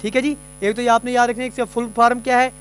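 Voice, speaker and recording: A male coaching teacher giving an exam prep lecture, explaining each point and then repeating it, reading English passages slowly. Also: very high-pitched, little pitch movement, a bit bright, slight background noise.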